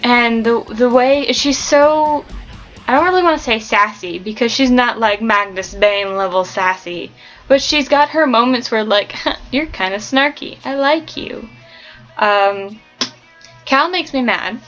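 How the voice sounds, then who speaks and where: A woman's voice: on the high side, a little slow, a bit bright, dull audio, soft background music. A woman talking casually about a book she loves, gushing and ranting with plenty of fillers. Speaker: book vlogger. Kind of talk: casual book review chat.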